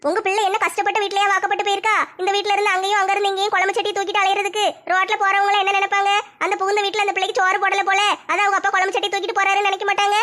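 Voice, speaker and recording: A woman playing a quick-tongued village wife. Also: extremely high pitch, monotone, bright, forceful tone. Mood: scolding. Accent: Tirunelveli Tamil. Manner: quick, scolding, reasoning. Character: sensible middle-aged village wife and mother. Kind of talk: comic skit acting.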